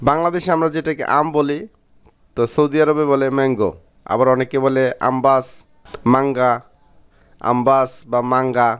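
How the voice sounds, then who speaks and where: A man from Bangladesh teaching a vocabulary lesson, repeating each word slowly and clearly. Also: mid-range voice. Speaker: Arabic language teacher.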